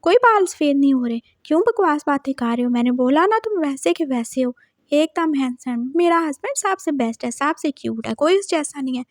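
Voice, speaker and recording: A woman's voice: high voice, lively intonation, brisk, no room sound, clean studio sound. A woman voicing a doting, teasing young husband. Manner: coaxing, teasing.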